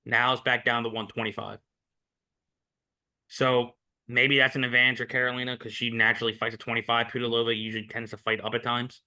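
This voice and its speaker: A man's voice: mid-range voice, level tone, fairly quick, bright, forceful tone. A man co-hosting a sports betting podcast, talking in a rambling, opinionated casual way. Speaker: podcast co-host.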